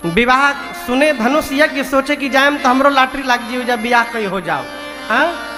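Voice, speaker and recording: A man telling a devotional story, switching between rapid speech and drawn-out sung verses. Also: extremely high pitch. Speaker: religious storyteller. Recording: echoey hall with music.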